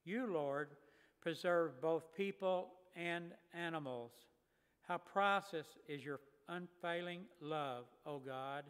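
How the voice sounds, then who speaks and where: A man reads scripture at a slow, measured pace with a smooth, resonant voice. His words ring out with a long church reverb from the lectern microphone. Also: a little high, fairly bright tone. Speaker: scripture reader. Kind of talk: reading scripture aloud.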